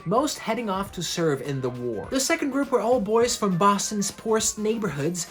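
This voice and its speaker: Jokey woman hosting an explainer. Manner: jokey, with quick asides in lower voice. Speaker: host. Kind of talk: comedic explainer monologue.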